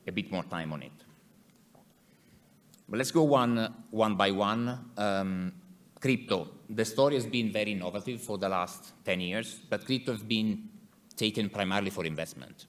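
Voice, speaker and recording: Speaking English with an Italian accent, an executive with a fairly low-pitched voice delivers a conference presentation, halting as he goes and repeating words.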